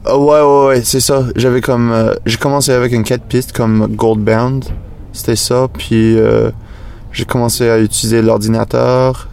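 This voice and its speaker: A man, a native English speaker with a foreign accent in French, chatting in an interview and haltingly searching for words. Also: mid-range voice, level tone, vocal fry, darkish tone, slight background noise. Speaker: musician being interviewed. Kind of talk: casual interview chat.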